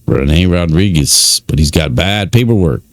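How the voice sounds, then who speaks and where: A man's voice: deep voice, lively intonation, unhurried, no echo. A man giving casual commentary, reading out records with many fillers and informal asides. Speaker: YouTube commentator on prison news.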